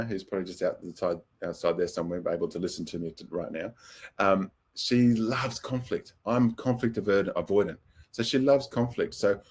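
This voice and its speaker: Husky-voiced New man teaching. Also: lowish voice. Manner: relaxed, thoughtful, with frequent fillers and acted-out example phrases. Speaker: counselor teaching a webinar. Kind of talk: conversational webinar teaching.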